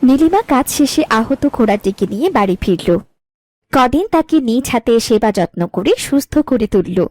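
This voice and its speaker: A woman's voice: a little high, lively intonation, normal speed, darkish tone. A woman narrating a scripted fairy tale.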